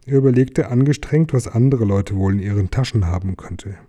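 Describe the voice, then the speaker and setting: A man calmly reading a children's fantasy book aloud as narrator. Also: fairly low pitch, fairly quick. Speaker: audiobook reader. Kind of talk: storybook narration.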